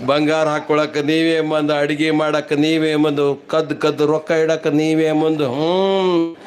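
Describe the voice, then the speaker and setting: A man with a high, bright voice and a North Karnataka accent delivers live stand-up comedy on stage. His patter runs in rhymes, and he breaks into impressions of wailing women. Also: level tone, normal speed. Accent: North Karnataka Kannada. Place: live stage before a crowd.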